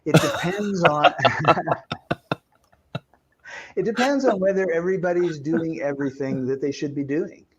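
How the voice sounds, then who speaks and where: Animated storytelling man, lo-fi sound. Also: a little high, a little slow, long pauses. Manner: animated storyteller, acts out quoted voices. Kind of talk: storytelling in a conversational interview.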